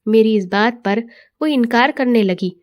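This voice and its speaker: A woman tells a first-person family story in a steady, expressive way. Her voice is a little higher than most. She keeps an even storytelling pace. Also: measured pace. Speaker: narrator.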